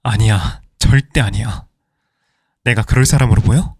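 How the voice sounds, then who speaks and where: A man's voice: lowish voice, moderate pace, a little mellow, breathy edge, no room sound, clean studio sound. A man playing an evasive middle-aged husband who pleads and placates his angry wife. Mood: placating.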